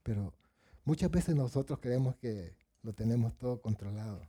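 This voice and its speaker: A man's voice: medium pitch, moderate pace, dark tone, breathy edge. A man preaching a sermon, asking the congregation questions and acting out Bible voices.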